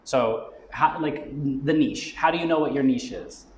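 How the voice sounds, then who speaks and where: Talking at normal speed in a mid-range voice, a male marketing expert walks a live audience through business goal setting in a conversational way, frequently adding "right?". There's a touch of hiss or hum, and the roomy venue carries faint ambient noise.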